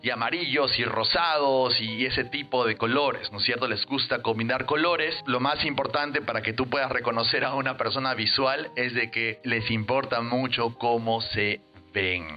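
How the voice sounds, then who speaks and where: A man hosting an educational podcast, explaining in a lively teaching manner. He often acts out quick example voices and keeps checking in with listeners. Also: medium pitch, lo-fi sound. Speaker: NLP trainer and podcast host.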